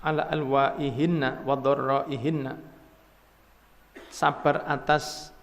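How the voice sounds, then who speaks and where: A man with a Javanese accent preaching a sermon in an animated way, his voice climbing sharply when he is stirred and dropping low again. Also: slow, gravelly, in a large hall.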